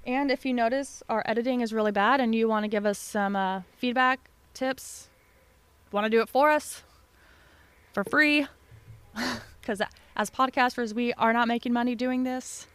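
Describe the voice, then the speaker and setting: A woman's voice: on the high side, fairly even intonation, normal speed, clean tone, no echo. A woman co-hosting a podcast in casual, chatty conversation, recorded at a desk mic at home. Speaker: podcast co-host. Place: home basement with no door. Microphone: desk microphone.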